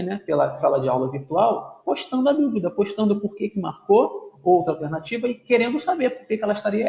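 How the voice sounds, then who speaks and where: A man's voice: sits high, vocal fry, darkish tone. A man teaching a grammar video lesson, explaining patiently, drawing out words syllable by syllable and checking in often with his students. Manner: explanatory, drawn-out spelling of words; frequent checking tags like "tudo bem?". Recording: echoey room, dull lo-fi sound.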